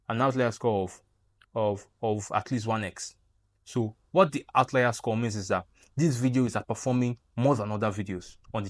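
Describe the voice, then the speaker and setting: A young content creator with a Nigerian accent speaks in a mid-range voice, clowning around with lively, playful remarks while teaching a casual tutorial straight into the camera. No echo is present.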